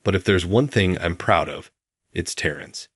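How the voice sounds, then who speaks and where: A man voicing a kind, humble older woman who speaks softly in a story. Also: low-pitched, moderate pace, slightly rough, no room sound, studio quality. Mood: gentle. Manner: soft, gentle speech.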